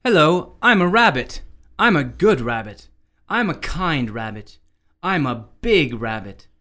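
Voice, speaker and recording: A kind, gentle rabbit from a children's storybook speaks in a fairly low voice that rises and falls a great deal, as a woman acts her out. The delivery stays lively and expressive throughout. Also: measured pace, full character voice. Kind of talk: children's English-lesson story.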